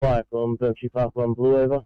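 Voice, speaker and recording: A man's voice: mid-range voice, flat delivery, moderate pace, clear, resonant tone, no echo. A man on a fire crew giving a brief, matter-of-fact status report over a two-way radio. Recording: narrow two-way radio channel, dry.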